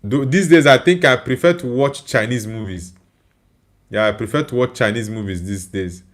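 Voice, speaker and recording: Moderately paced and mid-range, this man's voice carries a Nigerian accent from his first language, Igbo. Sounding tired, he chats casually on his live stream, voicing viewer comments and replying to them.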